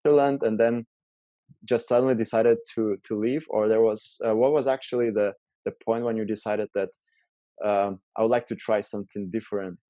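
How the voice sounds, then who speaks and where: Low, mellow, hesitant male host. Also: fairly even intonation, normal speed, dry recording, lo-fi sound. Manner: hesitant, many fillers. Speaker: interview host. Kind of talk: casual interview talk.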